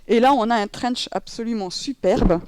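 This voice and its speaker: A woman's voice: a little high, normal speed, a little mellow, clear, resonant tone, no room sound. A French woman teaching how to wear a babywearing coat, chatting casually with many fillers and self-corrections. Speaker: babywearing instructor. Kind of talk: demonstration tutorial. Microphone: headset.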